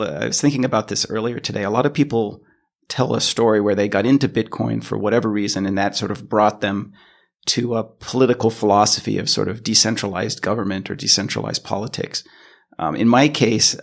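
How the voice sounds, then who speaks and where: Guesting on a podcast, this American product engineer from California responds to the interviewer in a gravelly, low voice thick with vocal fry. His explanations are conversational and worked out on the fly, with frequent restarts mid-phrase.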